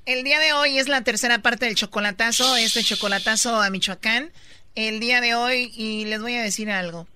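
A woman's voice: on the high side, moderate pace, background noise. Chatty woman hosting a radio show. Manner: chatty, previews the show's segments. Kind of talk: radio show host chat.

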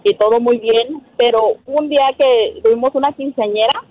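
A woman's voice: fairly high pitch, moderate pace, a little mellow, no room sound. A woman calling into a radio show, telling her story hesitantly with many fillers. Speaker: caller. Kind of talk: phone-in call. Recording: dull phone line.

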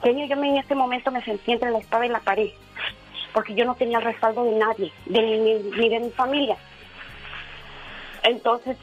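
A woman in her forties calls in to a radio show and tells a personal story, earnest and halting, full of fillers and restarts. Her voice sits a little high for a woman and comes through a dull, lo-fi line with faint music behind her. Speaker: radio caller.

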